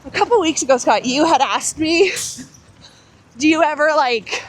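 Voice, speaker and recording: An American woman telling stories in a casual, animated chat while she runs outdoors on city streets. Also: sits high, moderate pace. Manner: talking while running. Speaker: host of a running chat. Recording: faint outdoor street noise.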